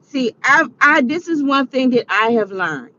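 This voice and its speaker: A woman's voice: sits high, expressive, a little slow, pushed and bright, highs cut off. A woman in her forties giving earnest, preachy advice in a casual vlog monologue. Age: 40s. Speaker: vlogger.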